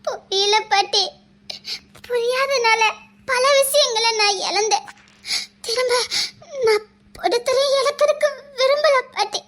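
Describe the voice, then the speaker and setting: A woman plays a young granddaughter-in-law with a Tirunelveli Tamil accent. Her voice is very high and bright, and she sounds sincere but unsure.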